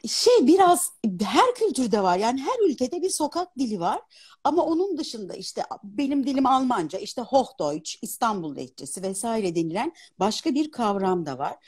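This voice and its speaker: Animated and articulate, this woman in her fifties talks with a husky, mellow tone. Her fairly high voice rises and falls in wide, lively sweeps. She speaks as a guest in a casual live chat on a phone stream. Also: moderate pace. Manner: animated, articulate, laughs easily. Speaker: guest, opera singer and dubbing artist. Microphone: phone on a live video stream.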